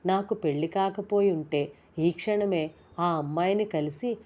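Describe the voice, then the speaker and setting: A woman narrating a romantic fiction story in a calm, measured storybook reading. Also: on the low side, muffled recording.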